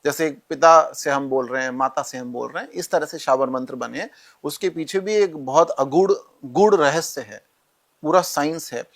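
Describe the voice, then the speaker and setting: A man guest calmly explaining rituals and mantras in an interview, speaking directly to the listener. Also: fairly high pitch, normal speed. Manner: calm, instructive, addresses listener directly. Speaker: astrologer guest.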